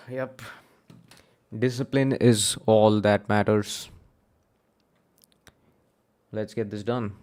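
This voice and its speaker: Man, tired, slow-paced, coding think-aloud, soft music and typing behind. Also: lowish voice, fairly even intonation. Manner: tired, unhurried, talks to himself. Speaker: streamer solving coding problems.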